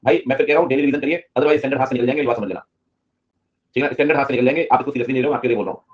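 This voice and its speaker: A man's voice: medium pitch, racing, highs cut off. A man teaching a live online class, joking and teasing his students between points.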